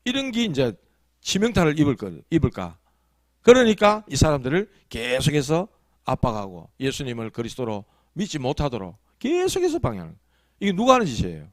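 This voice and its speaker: A man's voice: a little high, no room sound, clean studio sound. A male pastor gives a conversational afternoon sermon, often asking his congregation rhetorical questions. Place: small church sanctuary.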